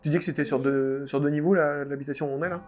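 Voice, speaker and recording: A man's voice: fairly high pitch, fairly even intonation, racing, darkish tone, faint music behind. A man chatting casually as a player in a tabletop role-playing game.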